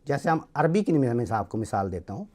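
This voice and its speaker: A man's voice: mid-range voice, sing-song, a little mellow. A middle-aged man with a Pakistani accent teaching a class, explaining step by step and checking that his students follow. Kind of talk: classroom lecture.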